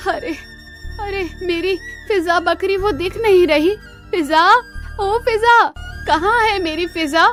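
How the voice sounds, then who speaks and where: Woman voicing an older grandmother, cartoon, stubborn and loving, slow and pleading. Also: sits high, expressive, a bit bright, faint music behind. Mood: anguished. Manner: scolding, pleading. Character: old grandmother goat keeper, loving, stubborn. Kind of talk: cartoon voice acting.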